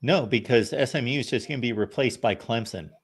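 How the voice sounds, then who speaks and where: A man's voice: medium pitch, brisk, breathy edge. A man hosting a sports call-in show, giving conversational analysis in a matter-of-fact way, explaining step by step. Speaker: host of a college football call-in show.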